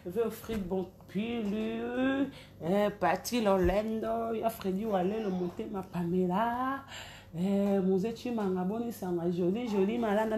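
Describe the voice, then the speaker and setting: A woman's voice: medium pitch, darkish tone, slight background noise. A woman, hosting a casual live stream and calling out viewers' names one by one. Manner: chatty, calls out names one by one. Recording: roomy echo, faint background ambience.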